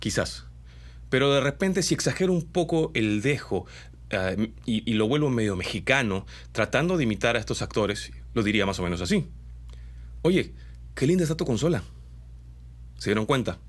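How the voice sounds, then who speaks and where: Speaking briskly, a male voice-over announcer from Peru gives an animated lesson to his audience. He has a mixed Peruvian Spanish accent, pushes his pitch up at key moments, and keeps explaining with frequent tag questions.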